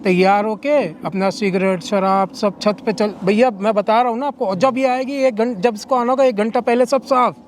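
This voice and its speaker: Older father figure, fairly high voice, earnest and aggrieved, faint noise behind. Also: steady tone, normal speed, hardly any pauses. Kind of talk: complaining testimony.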